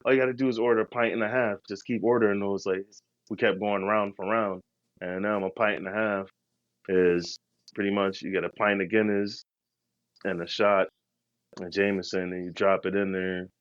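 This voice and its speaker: A man's voice: deep voice, fairly bright tone, clear, resonant tone, no room sound, highs cut off. A man co-hosting a podcast, telling travel stories in a slangy, laid-back, rambling way. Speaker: podcast co-host. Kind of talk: casual travel storytelling.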